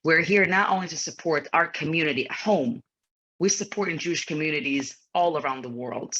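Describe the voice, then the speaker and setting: Over dull, lo-fi video call audio, a federation executive being interviewed tells an earnest personal story. She is a native Ukrainian speaker from Ukraine in her thirties, with a low-pitched, husky, fairly bright voice, a slightly quick pace, and slightly non-native phrasing.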